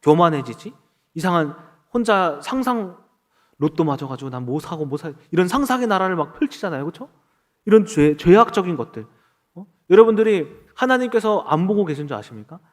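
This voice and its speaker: A pastor in his thirties delivers a sermon, shifting into little acted-out exchanges to make his point. His voice sits a bit high for a man. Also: a little fast. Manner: animated preaching, acting out quoted dialogue.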